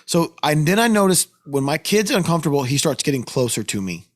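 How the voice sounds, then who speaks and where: A man's voice: on the high side, brisk. A man, a podcast host, telling a story in a casual chat, swearing often and raising his voice when worked up. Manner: animated, profane, voice climbs when worked up.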